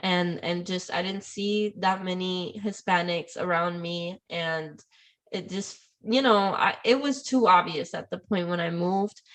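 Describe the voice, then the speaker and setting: A woman's voice: fairly low pitch, measured pace, a bit bright. A woman from Puerto Rico hosting a podcast, chatting casually and switching between Spanish and English as she goes. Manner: chatty, mixes Spanish and English, laughs often. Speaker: podcast host. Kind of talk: casual conversation.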